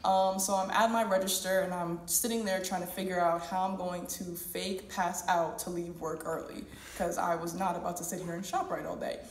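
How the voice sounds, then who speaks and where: A woman's voice: fairly low pitch, little pitch movement, normal speed, few pauses, slight background noise. Young woman telling her story in an echoey hall. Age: 20s. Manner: candid and humorous, quoting others in voices. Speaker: student speaker. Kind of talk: personal story told on stage. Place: event hall at a university. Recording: echoey room, mic at a distance.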